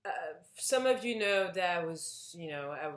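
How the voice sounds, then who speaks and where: A woman's voice: lowish voice, lively intonation, a little slow, echoey room. A woman from Belgium chatting casually to camera, telling a personal story with lots of fillers and restarts. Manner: hesitant, rambling, with many fillers and restarts. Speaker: vlogger.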